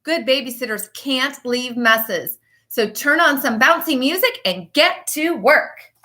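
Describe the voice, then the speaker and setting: A woman teacher reads a children's picture book aloud and chats with her pupils. Her voice sits high, and her delivery is expressive and emphatic, with deliberate pauses.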